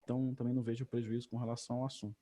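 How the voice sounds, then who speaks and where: A man's voice: mid-range voice, level tone, racing, warm tone. A man, an official giving hesitant remarks full of fillers at a public hearing over a video call. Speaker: tourism agency official.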